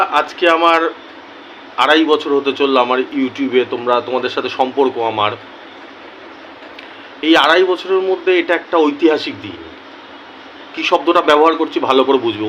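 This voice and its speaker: A man with a slightly raised pitch speaks slowly and deliberately to his channel's viewers, repeating words to drive a point home. His tone is earnest and personal, like a casual talk straight to camera. A faint hiss sits under the voice. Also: a bit bright, dull audio. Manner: slow and deliberate, repeats key words for emphasis. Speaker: YouTuber addressing his viewers.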